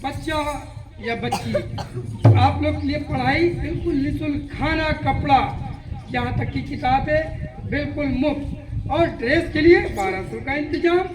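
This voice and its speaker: High-voiced man rousing a village crowd. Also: unhurried, echoey room, noisy background. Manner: loud rousing call-and-response. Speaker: school awareness campaigner. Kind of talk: street play address to villagers. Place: outdoors at a village school.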